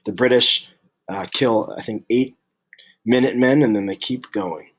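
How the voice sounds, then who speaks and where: A man teaching a history lesson, unwell and clearing his throat, halting with many fillers and restarts. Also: medium pitch.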